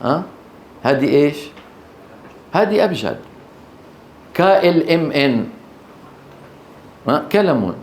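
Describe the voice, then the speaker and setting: A man teaching a class on Quran recitation. He explains slowly, repeats key terms and keeps checking that students are following with short questions. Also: fairly high pitch, big pitch swings, darkish tone, slight background noise. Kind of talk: classroom lecture.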